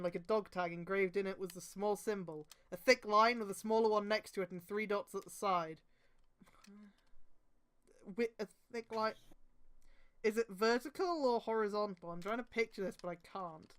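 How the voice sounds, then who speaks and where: This woman streamer reads fan fiction in a mid-range voice at a moderate pace, mocking it with dramatic flair. She throws in casual, profane asides, gets exasperated, and often breaks into laughter and shouts.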